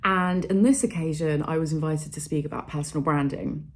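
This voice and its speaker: Briskly and with a steady tone, a deep-voiced woman chats upbeat to the camera in a casual vlog. She's a vlogger and public speaker, and "like" and "literally" come up constantly.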